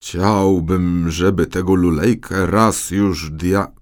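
A man voicing a pompous, henpecked middle-aged king in an audiobook fairy tale, speaking in a deep, blustering tone. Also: steady tone, slow.

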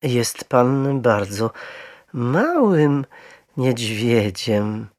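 A man voicing a startled middle-aged housewife, exclaiming in a high, shrill, astonished voice. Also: lively intonation, measured pace, creaky, darkish tone, husky, dry recording, studio quality, exaggerated voice. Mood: gentle.

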